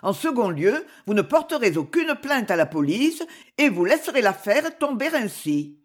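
Jovial, confident husband, as a woman reader plays him, lively and animated. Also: on the high side, normal speed. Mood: cheerful. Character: cheerful, shrewd middle-aged husband.

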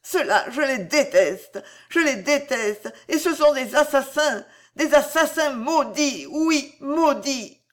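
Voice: mid-range voice, lively intonation, a little slow, pitched above the performer's own voice, natural voice. A reader voicing a proud, passionate young woman in an audiobook, with fierce, pleading outbursts. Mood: bitter. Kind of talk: audiobook character voice.

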